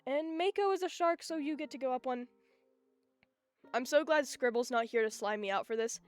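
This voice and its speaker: A young woman streaming live, chatting casually in an excitable, giggly, rambling way. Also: high voice, normal speed, smooth. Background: faint music.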